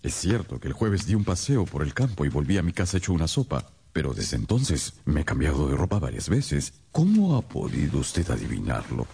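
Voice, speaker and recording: An actor playing Doctor Watson, a courteous, loyal companion who also narrates a radio drama in a measured, earnest way. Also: male voice, extremely low pitch, very animated, gravelly, mellow, husky, full character voice. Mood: puzzled, earnest.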